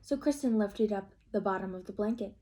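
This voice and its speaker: A woman reading a picture book aloud to children like a teacher, stopping to ask the listeners questions and have them make predictions. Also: mid-range voice. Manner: slow and expressive, asking children questions. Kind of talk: children's read-aloud storytime.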